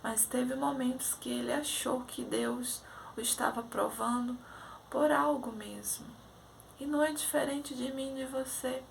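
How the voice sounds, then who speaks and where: A high-pitched woman preaches her own testimony with fervent emotion. Her voice carries a gravelly fry at the edges of phrases. She swings between raised, pleading lines and soft, hushed whispers, with faint noise in the background. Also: fairly even intonation, measured pace. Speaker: lay preacher sharing testimony.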